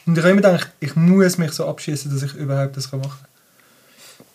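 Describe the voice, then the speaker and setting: A man with a Swiss German accent, a DJ who is a guest on a podcast, speaking frankly and calmly about his personal struggles. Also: on the high side, fairly quick. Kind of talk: casual podcast chat.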